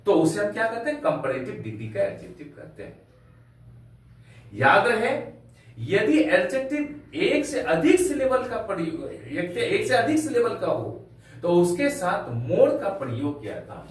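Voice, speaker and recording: A man teaching a grammar lesson to a class, slowly spelling out words letter by letter and asking rhetorical questions. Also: high voice. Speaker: English teacher. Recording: very echoey room, from far off.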